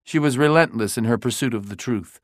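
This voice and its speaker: A man's voice: mid-range voice, a little fast, dry recording. Man narrating a dramatic story, dry close sound.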